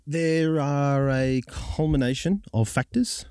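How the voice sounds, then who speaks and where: Mellow, dry-sounding Australian man in his thirties. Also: a little high, steady tone, takes it slowly, clear, resonant tone, no echo. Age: 30s. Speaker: journalist and broadcaster. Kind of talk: reflective interview answers.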